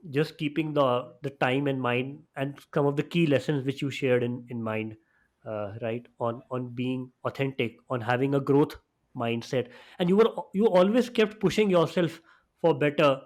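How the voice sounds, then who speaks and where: A man hosting a podcast, speaking in a conversational interview style, appreciative and measured, with soft fillers between phrases. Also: medium pitch. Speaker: podcast host.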